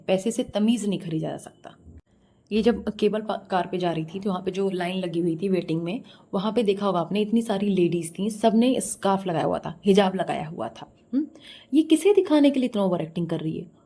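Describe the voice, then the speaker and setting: Scornful woman with a mellow voice. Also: medium pitch. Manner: scornful, scolding; asks the viewers directly. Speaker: reaction vlogger. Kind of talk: mocking reaction commentary.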